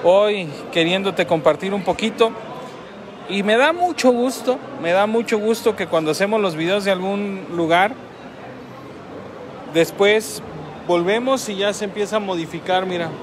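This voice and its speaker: A man's voice: high voice, moderate pace, noisy background. A man with a Mexican accent casually reviewing a restaurant meal, repeating phrases and laughing often, filmed on a phone at a table near a road. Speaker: food vlogger.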